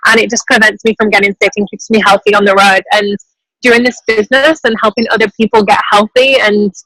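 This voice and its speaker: Calling into a group video call from an airport terminal, a woman in her twenties from England offers an upbeat, casual motivational testimonial as a team member. She speaks briskly at medium pitch in a level, bright, forceful tone; the audio has no echo but is low quality.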